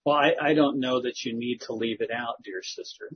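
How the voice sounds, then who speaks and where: A man, a church elder, calmly and thoughtfully explaining scripture in a slow, measured way during a group discussion. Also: mid-range voice, a little hiss or hum. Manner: measured, thoughtful, gently corrective. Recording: dull lo-fi recording.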